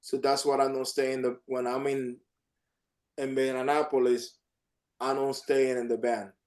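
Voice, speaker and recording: A man's voice: mid-range voice, little pitch movement, normal speed, a little mellow. A man, an artist, chatting casually and rambling on a video call, often repeating himself. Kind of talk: casual chat.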